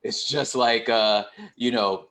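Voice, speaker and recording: A man, a poet and hip hop artist, talking casually on a panel in a relaxed way with lots of fillers. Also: medium pitch, slow. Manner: relaxed and conversational, with many fillers and a laugh.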